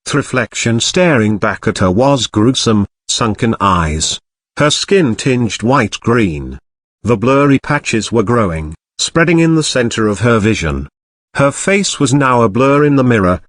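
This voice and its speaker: A man narrates a crime novel with measured, expressive storytelling. His pitch moves in a lively way, and the recording is dry and close. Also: no echo. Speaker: audiobook narrator.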